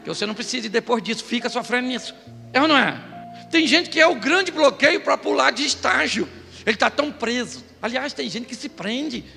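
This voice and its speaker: Gravelly high-voiced Brazilian preacher man. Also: animated, fairly quick, in a large hall, faint music behind. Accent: Brazilian Portuguese. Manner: comic, shouting bursts, acts out voices. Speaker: pastor. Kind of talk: humorous Pentecostal sermon. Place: church hall.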